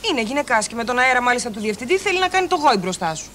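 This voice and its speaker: A woman's voice: on the high side, very animated, sharp tone, a little hiss or hum. A woman playing a young secretary and wife, polite and coaxing, mildly exasperated, on an old film soundtrack. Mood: pleading. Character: poised young wife, coy but firm.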